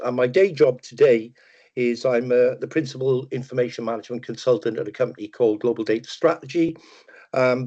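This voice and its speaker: An older Welsh man presents a webinar over a video call, keeping things relaxed and chatty with self-deprecating jokes and plenty of ums and uhs. His pitch is middling, and the video call microphone makes the audio a bit muffled.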